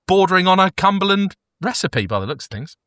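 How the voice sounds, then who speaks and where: A man's voice: high-pitched, sing-song, fairly quick, bright, forceful tone, dry recording, studio quality. A man co-hosting a podcast, playfully joking while reading ingredient lists aloud in casual chat. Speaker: podcast co-host. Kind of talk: casual food review chat.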